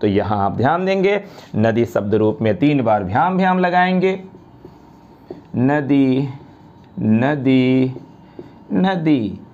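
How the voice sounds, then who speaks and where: A man teaches grammar to a class, talking straight to the students and spelling out each word form at a very slow, deliberate pace. He repeats the endings over and over so they stick. The recording sounds a little dull and lo-fi. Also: medium pitch, lively intonation, darkish tone. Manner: slow, drawn-out recitation of word forms.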